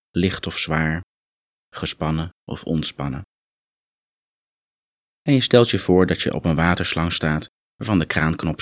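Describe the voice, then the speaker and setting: Low-voiced man guiding relaxation. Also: no echo, studio quality. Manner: calm, instructive, coaxing. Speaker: relaxation exercise guide. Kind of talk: guided muscle relaxation meditation.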